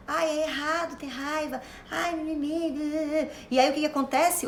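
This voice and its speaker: High-voiced Brazilian woman lecturing. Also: roomy sound, slight background noise. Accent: Brazilian Portuguese. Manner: chatty and theatrical, calls listeners "love" and "my dear". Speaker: self-knowledge lecturer. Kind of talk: informal motivational lecture.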